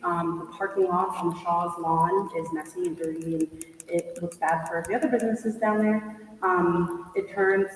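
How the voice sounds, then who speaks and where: A woman resident speaking at public comment in an echoing meeting space, laying out a complaint. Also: fairly low pitch. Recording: very echoey hall, distant mic, faint noise.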